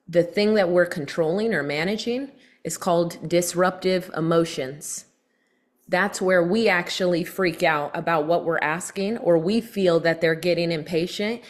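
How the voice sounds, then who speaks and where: A woman leads a sales training session. Her voice sits fairly low, and she speeds up and slows down on purpose to show what she teaches. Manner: coaching, switches pace on purpose to demonstrate. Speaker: sales coach. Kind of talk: training talk on a call.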